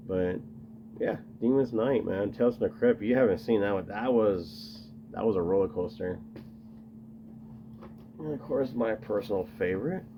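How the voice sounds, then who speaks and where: Gravelly-voiced man chatting casually. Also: medium pitch, dull audio, a little hiss or hum. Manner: rambling, enthusiastic, lots of fillers. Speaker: video host showing his tape collection. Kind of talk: casual chat to camera.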